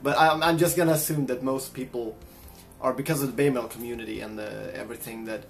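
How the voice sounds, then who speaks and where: A man's voice: medium pitch, steady tone, quick pace, faint music behind. A man from Sweden, telling a personal story in a casual, reflective vlog. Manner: reflective, chatty. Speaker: vlogger and guitarist.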